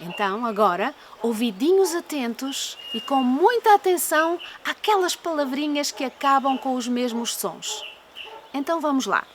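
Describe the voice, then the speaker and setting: A woman with a European Portuguese accent, a children's storyteller giving a sing-song welcome to young listeners in an expressive read-aloud style. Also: high-pitched, moderate pace, slight background noise.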